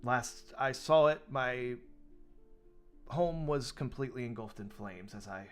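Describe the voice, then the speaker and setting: A man's voice: medium pitch, unhurried, faint music behind, close to an everyday voice. A man doing a quavering wounded wizard. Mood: weary. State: weak and in pain. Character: wounded older male wizard, shaky and polite.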